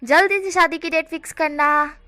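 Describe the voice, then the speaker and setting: A woman's voice: very high-pitched, fairly even intonation, moderate pace, bright, forceful tone, no room sound, pitched above the performer's own voice. A woman voicing a devoted young man who speaks eagerly and frets. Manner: eager, fretful.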